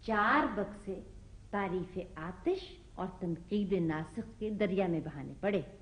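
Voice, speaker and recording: An actress playing a sarcastic, sharp-tongued middle-aged mother who scolds her family. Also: on the low side, expressive, slow pace. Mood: mocking. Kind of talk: TV drama acting.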